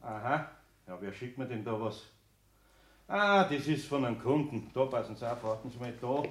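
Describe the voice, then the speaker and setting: An actor playing an older master carpenter with a Bavarian accent, grumbling and questioning in a radio play. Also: male voice, medium pitch, lively intonation, moderate pace, close to an everyday voice. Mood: suspicious. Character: gruff older master carpenter, patient but suspicious.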